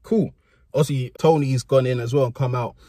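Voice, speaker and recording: A young man spins a story in loose street slang and acts out every person he quotes. His voice is mid-pitched with a husky edge. The recording is dry. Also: fairly even intonation, fairly quick, mellow, no echo. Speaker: storyteller host. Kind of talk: casual storytelling.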